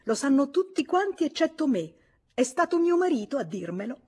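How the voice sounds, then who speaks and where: A woman voicing a furious, indignant jilted lover who shouts her accusations in a radio audiobook reading. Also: high-pitched, very animated, a little fast, voice pushed up. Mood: furious, accusing.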